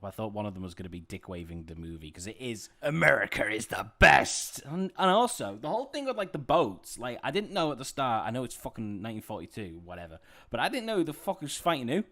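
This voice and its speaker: A man co-hosting a film quiz, chatting excitably and swearing freely. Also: mid-range voice, fast, hardly any pauses. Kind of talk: casual banter.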